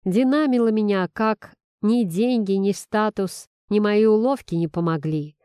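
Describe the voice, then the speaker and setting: A woman voicing a stern middle-aged father who speaks in a low, measured, weary way. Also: warm tone, clear, resonant tone, no echo, studio quality, lightly acted. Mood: grim.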